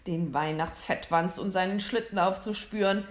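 A woman's voice: on the low side, moderate pace, reverberant, natural voice. A woman voicing a sneering, scheming male hunter with a sly, mocking manner in an audiobook. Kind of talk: audiobook character voice.

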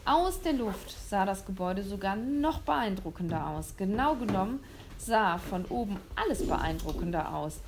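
A woman reading a children's story aloud, lively and expressive, with small slips. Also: mid-range voice, normal speed, noisy background.

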